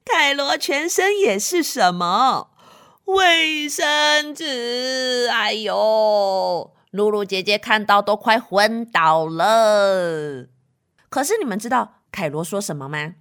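Animated, slow-talking woman storyteller. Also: mid-range voice. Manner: animated and playful, asks the children questions, makes sound effects. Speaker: children's storyteller. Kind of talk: reading a picture book aloud to children.

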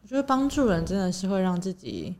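A woman with a slightly low voice talks quickly on a casual chat show. She tells her story with many fillers and restarts, searching for her words as she goes. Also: big pitch swings, a little mellow. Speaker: podcast co-host.

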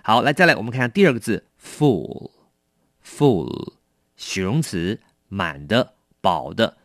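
A man's voice: fairly low pitch, no echo, studio quality. A man teaching English vocabulary in a chatty, explanatory way, asking rhetorical questions. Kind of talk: vocabulary lesson explained in Mandarin.

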